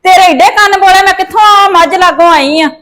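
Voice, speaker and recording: A woman playing a long-suffering, sharp-tongued older village mother in a family drama, grumbling. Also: sits high, quick pace, close to an everyday voice. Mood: irritated scolding. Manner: complaining, grumbling. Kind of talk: acted family drama dialogue.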